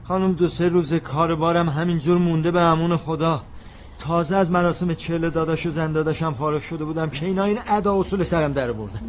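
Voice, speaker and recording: An actor playing a middle-aged uncle, worn out from searching and agitated, complaining loudly about the runaway children. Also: male voice, fairly high pitch, a little hiss or hum, lightly acted. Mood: exasperated. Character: anxious exasperated uncle, weary from travel.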